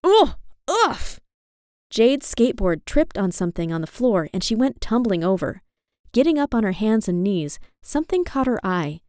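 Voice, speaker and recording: Woman, storybook narrator, expressive, lively pitch, dry close sound. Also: normal speed, no echo. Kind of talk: children's storybook reading.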